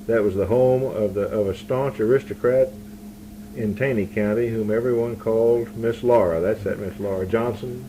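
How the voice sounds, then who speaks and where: A man's voice: lowish voice, steady tone, normal speed. A man interviewing someone casually, rambling and often breaking off his own sentences to start again. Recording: noisy 1981 amateur interview recording.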